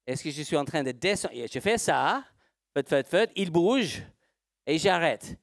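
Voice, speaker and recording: A man's voice: fairly high pitch, animated, unhurried, no room sound, studio quality. Man teaching in French. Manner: plain, slightly broken French with rhetorical questions he answers himself. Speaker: horse trainer giving a demonstration. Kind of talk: live seminar demonstration talk.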